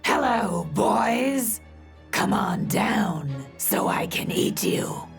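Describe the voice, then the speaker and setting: Woman voicing a rasping rotted ghoul man. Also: mid-range voice, animated, faint music behind, pitched above the performer's own voice, exaggerated voice. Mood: taunting. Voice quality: rasping, phlegmy whisper. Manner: slow, taunting, cackling. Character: rotting undead male ghoul, gleeful and cruel.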